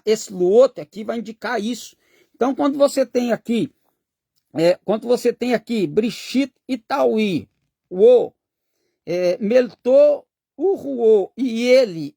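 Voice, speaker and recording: A man's voice: sits high, vocal fry, darkish tone, dry recording, clean studio sound. A man gives an informal lesson, explaining unhurriedly, pointing at the text and reading ancient words out carefully syllable by syllable. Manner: explains slowly, often adding "né?" and "ó" while pointing at texts. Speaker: teacher of biblical languages.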